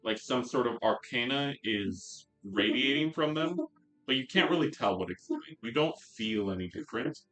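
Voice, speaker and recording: A man narrating as game master for a tabletop game, relaxed and descriptive with frequent fillers. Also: mid-range voice, moderate pace, soft background music, rough recording. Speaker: dungeon master.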